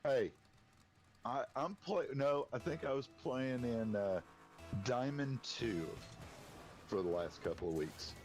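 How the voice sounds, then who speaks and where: A man with a bassy voice, chatting casually while gaming, laid-back and dryly teasing. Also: slow pace, long pauses, a little mellow, faint music behind. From East Tennessee. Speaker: gamer.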